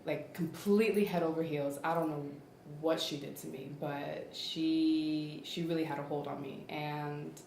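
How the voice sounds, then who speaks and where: A woman in her twenties speaking slowly and reflectively as a guest in a casual group chat. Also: sits low, steady tone, gravelly. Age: 20s. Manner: slow, reflective, soft-spoken. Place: studio room with a table of friends. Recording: roomy echo, faint hiss.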